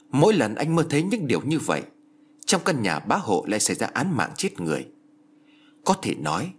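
A man's voice: mid-range voice, breathy edge. A man narrating a horror story in a scripted, dramatic storytelling style.

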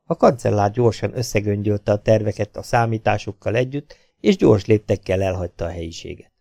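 A man with a Hungarian accent narrating an audiobook in an even, measured reading. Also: fairly low pitch, gravelly, no echo, clean studio sound. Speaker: audiobook reader.

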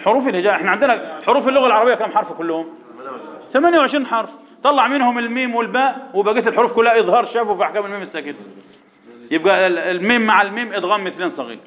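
A man with an Egyptian accent teaching Quran recitation rules to a class, firing quick repeated questions at students and chanting verses slowly. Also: high voice. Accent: Egyptian Arabic. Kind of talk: classroom tajweed lesson. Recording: echoey hall, dull lo-fi sound.

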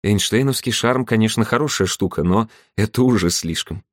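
A man reading the lines of a gentle, searching woman in an audiobook. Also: on the low side, normal speed, dry recording, studio quality, close to an everyday voice. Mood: wry.

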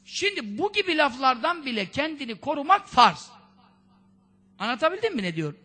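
A man preaching a conversational sermon, firing off rhetorical questions, scolding in a lively way and quoting Arabic sayings. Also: very high-pitched, a little fast. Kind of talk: religious sermon talk.

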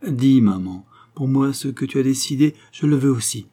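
A man's voice: medium pitch, normal speed, warm tone, natural voice. A man reading the part of a young woman in an audiobook, speaking in pleading, emotional exclamations. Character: young woman, devoted daughter, anxious and impassioned.

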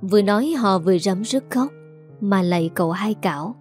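A woman narrating a story in a steady, expressive way. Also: mid-range voice, moderate pace, faint music behind.

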